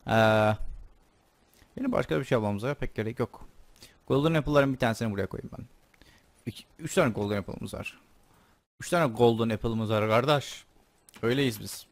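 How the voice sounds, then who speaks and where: Gravelly, chatty young man playing a game. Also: medium pitch, fairly quick, long pauses, no echo. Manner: chatty, joking, swears playfully, talks to himself while playing. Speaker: gaming YouTuber. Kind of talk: casual Let's Play commentary.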